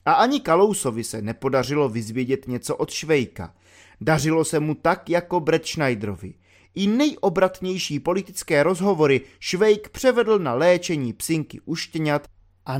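A man narrating an audiobook in a measured storytelling way, slowing down for the dramatic lines. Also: on the high side. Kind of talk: audiobook reading.

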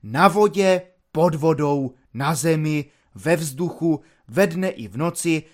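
A man voicing an earnest, courteous simple soldier who explains himself at length in a calm, formal manner, in an audiobook reading. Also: a little high, natural voice.

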